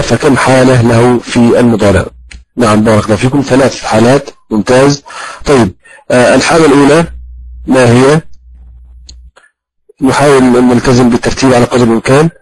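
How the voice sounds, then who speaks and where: A man teaching a grammar class at a middle pitch, talking slowly and breaking off often to fill the pauses. He puts questions to his students and praises their answers. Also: slight background noise, rough recording. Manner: slow and halting, with many drawn-out fillers. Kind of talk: classroom lesson with audience questions.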